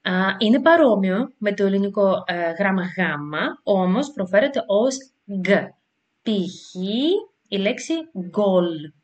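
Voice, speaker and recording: A woman teacher leads a beginner language lesson at an unhurried, careful pace. She pauses and hesitates often, and sounds out letters and example words clearly so learners can repeat them. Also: mid-range voice, animated, highs cut off. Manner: slow, careful explanations with frequent hesitations.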